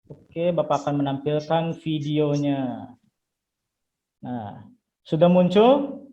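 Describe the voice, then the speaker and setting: A young man from Indonesia, a student teacher, leads his pupils through an online lesson in an encouraging, friendly way. His voice sits a little high. The video-call audio sounds a bit dull and muffled. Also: slow pace, warm tone. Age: young adult.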